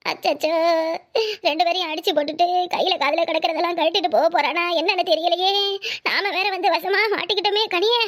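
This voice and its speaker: A woman's voice: extremely high pitch, fairly even intonation, a little fast, a bit bright. A woman voicing a gossipy, easily frightened village neighbour in a cartoon, who chatters and shrieks. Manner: chattering rural speech, shrieking when scared. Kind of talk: cartoon voice acting.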